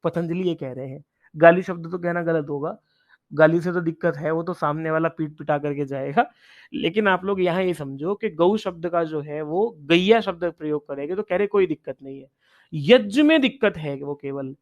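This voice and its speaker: A man's voice: on the high side, normal speed. A man teaching Sanskrit in an online exam-prep class. He reads Sanskrit lines and explains each one in Hindi, stopping to ask his students questions.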